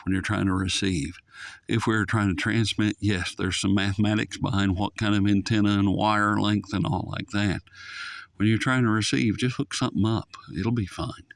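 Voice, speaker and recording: A channel host reviews a shortwave radio in an unscripted, folksy way, rambling and drifting off topic. His voice is fairly low and gravelly, with no echo.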